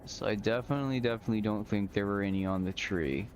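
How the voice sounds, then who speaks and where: A man's voice: on the low side, fast, highs cut off, a little hiss or hum. A man giving casual, chatty gameplay commentary, explaining things in colloquial language as he plays. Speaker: gamer hosting a modded survival game stream.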